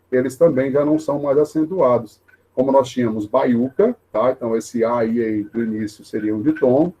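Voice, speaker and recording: Husky, mellow-voiced male teacher. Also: mid-range voice, muffled recording. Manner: explanatory, many tag questions, repeats himself; says he talks fast. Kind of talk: online lesson on grammar.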